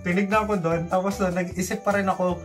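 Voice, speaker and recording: A young man with a Filipino accent telling a story casually in a vlog, in an animated way, acting out bits of dialogue. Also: high voice, quick pace, faint music behind. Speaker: vlogger recounting call center training. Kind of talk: casual storytelling vlog, mixing Tagalog and English.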